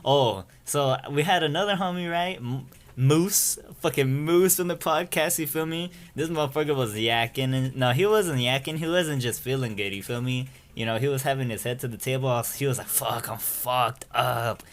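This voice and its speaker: A man's voice: mid-range voice, moderate pace. A young man telling a rambling story-time anecdote in casual, profane slang. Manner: rambling, slangy and profane, keeps saying "you feel me". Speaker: storyteller vlogger.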